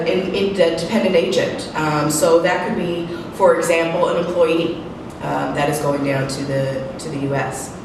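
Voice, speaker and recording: A woman with a low, congested voice gives a professional presentation from some distance away. The room is very echoey with clear background noise. She explains things haltingly and sounds a little sniffly from a head cold. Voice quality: slightly muffled, sniffly, congested. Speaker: senior tax manager presenting.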